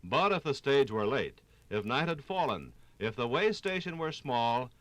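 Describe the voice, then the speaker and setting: Narrating a scripted 1950s radio documentary, a man uses dramatic storytelling phrasing and deliberate pauses. His medium-pitched voice is sing-song and a bit bright, with no echo.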